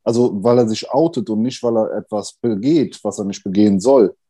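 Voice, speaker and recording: A man in his thirties, a podcast guest, talking candidly and thoughtfully with many pauses and fillers. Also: fairly low pitch, mellow, breathy edge. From Germany, Italian family. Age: 30s. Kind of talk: candid conversation.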